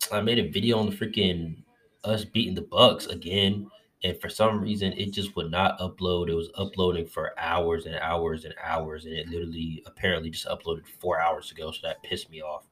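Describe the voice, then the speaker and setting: Deep-voiced man ranting about his team. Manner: loose, profane, excitable fan talk. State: recovering from covid, a little lightheaded. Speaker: sports fan vlogger. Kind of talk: casual game recap.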